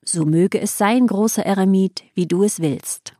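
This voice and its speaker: A woman's voice: mid-range voice, measured pace, mellow, dry recording, clean studio sound, lightly acted. A woman reading the lines of a courteous male royal sage in formal, ceremonious speech. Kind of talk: audiobook reading.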